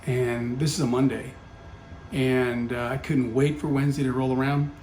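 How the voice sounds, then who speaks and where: A middle-aged company founder, appearing as a podcast guest, tells a personal story in casual conversation packed with fillers and self-corrections. His mid-range voice is a little mellow, delivered flatly at a moderate pace. The room adds a roomy echo over a faint background hum.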